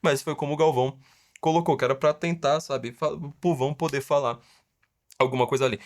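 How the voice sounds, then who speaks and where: A man's voice: fairly high pitch, fairly even intonation, brisk. A middle-aged Brazilian man with a Brazilian Portuguese accent, hosting a casual podcast with a sarcastic, mocking way of stretching words for emphasis. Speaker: podcast host.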